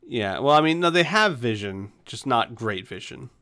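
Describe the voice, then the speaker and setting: A man with a bright, forward voice runs a tabletop game as game master. His pitch moves around in an animated way as he shifts between casual table talk and narration. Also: normal speed, creaky.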